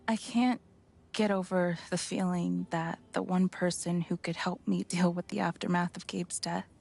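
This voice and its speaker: Creaky-voiced grieving mother. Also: on the low side, steady tone, normal speed, a little mellow. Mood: grieving, strained. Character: weary grieving divorced mother, worried about her child. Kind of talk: video game dialogue.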